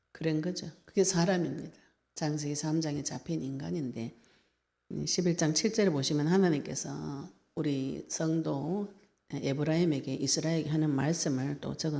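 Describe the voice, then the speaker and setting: A woman's voice: deep voice, gravelly, warm tone. A woman pastor with a Gyeongsang Korean accent, preaching a sermon in an earnest, conversational way.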